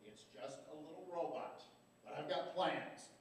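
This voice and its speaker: A man's voice: on the high side, a little slow, a little hiss or hum, close to an everyday voice. An actor playing a stubborn older father who blusters defensively in a live stage comedy. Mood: dreamy. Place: community theater stage. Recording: echoey hall from far off.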